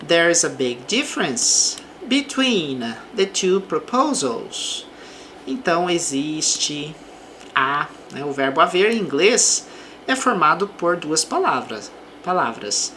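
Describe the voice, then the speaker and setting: Brazilian woman language teacher, unhurried and patient delivery, lively pitch. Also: slight background noise. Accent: Brazilian Portuguese. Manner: reads English example sentences slowly, then explains in Portuguese. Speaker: English teacher. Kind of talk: slow explanatory language lesson.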